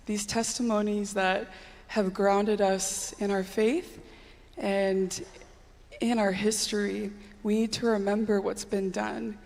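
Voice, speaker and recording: A woman pageant contestant giving an earnest, exhortative answer on stage in measured phrases. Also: medium pitch, little pitch movement, vocal fry, a little mellow. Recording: long hall reverb.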